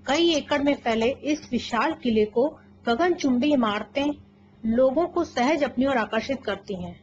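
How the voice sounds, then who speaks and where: A female presenter reads a scripted news feature in a measured, storytelling manner. Her voice is a little high. The recording is dull and lo-fi, with a faint hiss underneath. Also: animated.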